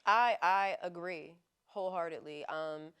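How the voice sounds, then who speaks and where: A woman in her thirties chats as a podcast guest, relaxed, frank and full of slang. Her voice sits a little low and comes through smooth and clear. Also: a little slow. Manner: laid-back, slangy and frank, laughs often. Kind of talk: casual chat.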